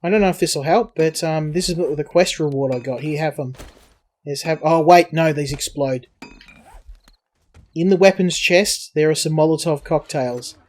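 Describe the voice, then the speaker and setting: A man narrating his own co-op survival play in a relaxed, rambling way. He sits a little high for a male voice and keeps restarting his sentences as he thinks aloud. It sounds like easygoing gaming chat between friends. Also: moderate pace. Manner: rambling, restarts often, chatty. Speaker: game channel host. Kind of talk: casual co-op gameplay chat.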